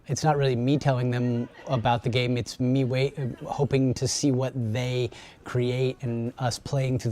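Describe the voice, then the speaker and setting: A man's voice: mid-range voice, darkish tone. A man, a game's executive producer, answering interview questions casually and hesitantly, often restarting his phrases.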